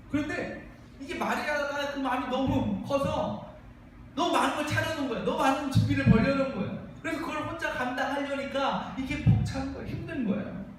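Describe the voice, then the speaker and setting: A man's voice: very high-pitched, slight background noise. A man preaching a sermon as pastor, asking the congregation questions and acting out the lines of the people he quotes. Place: church sanctuary. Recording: very echoey room, mic far off.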